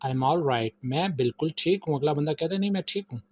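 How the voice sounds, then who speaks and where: A man with a Pakistani Urdu accent teaching everyday English phrases. He says each phrase slowly and then explains it in Urdu. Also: fairly high pitch, lively intonation, a little mellow, slightly rough. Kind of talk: vocabulary lesson. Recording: dry, slightly muffled voice-over.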